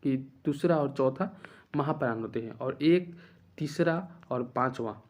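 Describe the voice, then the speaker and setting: A man's voice: mid-range voice, unhurried, darkish tone. A man teaching an online grammar lesson for exam preparation. He repeats each point and asks rhetorical questions to drill it in.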